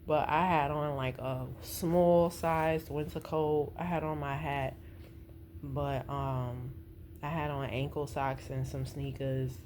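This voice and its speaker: She's a middle-aged vlogger with a low, slightly mellow voice and fairly even intonation, taking her time as she chats. Her talk is loose, informal and wandering, and noticeable background noise is present.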